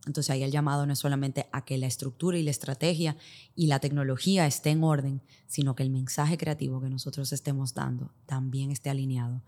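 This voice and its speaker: This woman has a very deep, mellow voice with little pitch movement and talks fast. With a Dominican accent, she explains things as an expert podcast guest using hypothetical examples, dropping English business terms into her Spanish.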